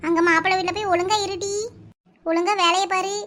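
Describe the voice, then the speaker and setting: A woman voices village women in a Kanyakumari Tamil accent, with a very high, bright, sharp tone. She talks quickly and bossily, like brisk village chatter in a cartoon. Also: steady tone, slight background noise. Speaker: cartoon voice artist. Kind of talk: cartoon voice acting.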